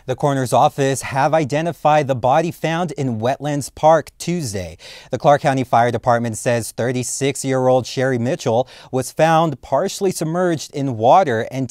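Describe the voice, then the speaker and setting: A man's voice: mid-range voice, no echo. Man reading news in a dry studio. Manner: steady, formal reading. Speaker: student news anchor. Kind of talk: read news bulletin.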